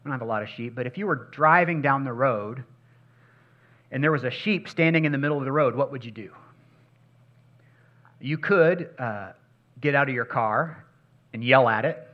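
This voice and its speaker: A male pastor preaches a sermon, swinging from loud, emphatic passages to hushed, intimate ones and repeating key phrases for emphasis. His mid-range voice moves a little fast, and the sound is lo-fi.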